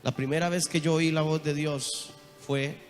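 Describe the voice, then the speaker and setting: A man with a Costa Rican accent preaching a sermon, telling his testimony with strong emotion, moving from hushed speech to loud cries. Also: on the high side, fairly even intonation, normal speed. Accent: Costa Rican Spanish. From Costa Rica. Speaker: apostle preaching. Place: large church hall. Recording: reverberant church hall. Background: soft guitar music.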